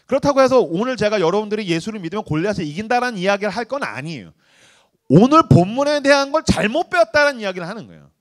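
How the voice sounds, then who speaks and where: A man's voice: sits high, quick pace. A male pastor preaching to a youth retreat, talking casually, joking and acting out little dialogues. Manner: animated, acts out dialogues, joking slang.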